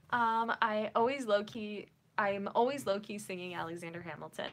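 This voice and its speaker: A young woman with a Minnesotan accent hosts a casual writing livestream, reading viewer comments and chatting in a bubbly, giggly, rambling way. Her voice is mid-range at normal speed.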